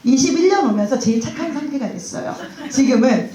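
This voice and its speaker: Middle-aged woman, stage speaker, lively rising-falling delivery, acts out quoted lines, roomy hall sound. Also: high-pitched, a little fast, crowd noise. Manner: animated storytelling with laughs, acting out dialogue. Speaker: speaker at a company event. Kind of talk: motivational stage talk. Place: large event hall.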